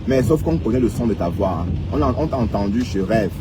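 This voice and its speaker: Fairly low-pitched, expressive and fairly quick, a Cameroonian man rants on a casual live stream in a Cameroonian French accent. He teases and mocks his viewers, tagging "hein" onto many lines, against a noisy background.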